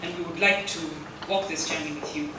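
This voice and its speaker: A government delegate from Kenya giving a formal, measured and diplomatic address. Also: medium pitch, fairly even intonation. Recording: echoey hall, distant mic, noise.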